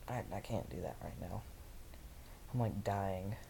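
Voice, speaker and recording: A young man reads fiction in a monotone, his voice low, mellow and full of fry. He wanders off into casual, halting side remarks as he goes. A faint hiss sits on the home microphone recording. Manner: monotone delivery; rambling, self-interrupting commentary. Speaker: host reading fan fiction aloud. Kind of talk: story reading with casual asides.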